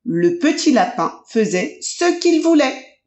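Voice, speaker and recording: A woman narrating a children's audiobook in a slow, expressive storytelling manner. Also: sits high. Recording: roomy, dull lo-fi audio.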